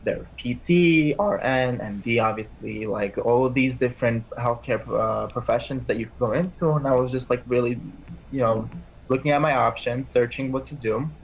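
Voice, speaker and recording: This is a twenty-something man originally from Armenia, a PA school applicant appearing as an interview guest. His mid-range voice, tinged with vocal fry, moves at a moderate pace through casual, rambling talk full of "like" and false starts, on a muffled recording with slight background noise.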